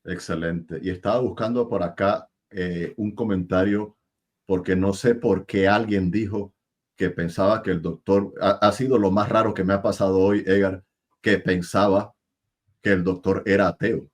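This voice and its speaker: A man hosts an interview over a video call in a fairly low voice. He is chatty and laughs easily, often stumbling and repeating words as he talks. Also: steady tone, moderate pace. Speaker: interview host. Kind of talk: casual interview and enthusiastic sign-off.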